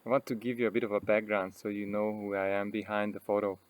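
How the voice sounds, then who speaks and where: A man from Hungary with a Hungarian accent, a personal development coach telling his own story in an earnest, unhurried way with frequent pauses and fillers. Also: fairly low pitch, flat delivery, no room sound.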